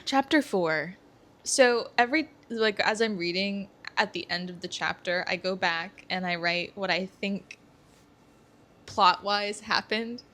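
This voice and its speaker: Young woman, podcast co-host, casual book chat, eager, middle pitch, thinking aloud. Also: a little slow, bright, forceful tone, a little hiss or hum.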